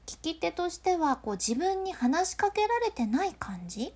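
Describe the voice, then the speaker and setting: A woman's voice: very high voice, sing-song, normal speed, a little mellow. A woman with a Hakata accent explains voice control in a casual, playful way, laughing often. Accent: Hakata dialect.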